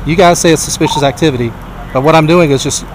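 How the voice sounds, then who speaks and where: A man's voice: fairly high pitch, quick pace, crowd noise, poor audio. A man working as a journalist, standing on a public sidewalk and insistently asking police whether he is free to go. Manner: insistent, repeatedly asks if free to go. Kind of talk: street confrontation with police.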